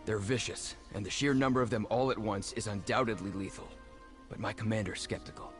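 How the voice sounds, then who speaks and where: An actor playing an indignant, earnest imperial army officer held captive, in fantasy video game dialogue. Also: male voice, lowish voice, fairly quick, faint music behind, natural voice. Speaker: game character.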